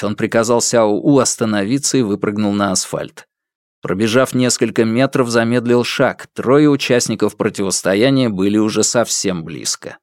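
A man reading a crime novel aloud as narrator, in an expressive, dramatic manner. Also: mid-range voice, dry recording, clean studio sound.

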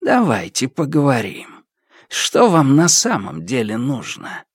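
A man reading an audiobook, voicing a defiant older village headman with a high, sneering voice. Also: wildly swooping pitch, a little slow, breathy edge, no echo, clean studio sound, full character voice. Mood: guarded. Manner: sneering, pitched up high, shouting when angry. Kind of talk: audiobook character voice.

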